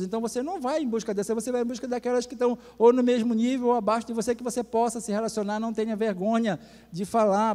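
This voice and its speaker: A man's voice: high-pitched, warm tone. A man, a pastor, giving a folksy sermon lesson with personal stories and speaking directly to the congregation. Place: church hall. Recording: long hall reverb.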